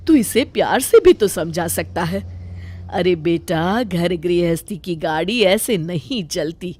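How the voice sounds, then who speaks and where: A woman voicing a kindly older mother-in-law who gently scolds her son in a cartoon. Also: lowish voice. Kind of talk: cartoon voice acting.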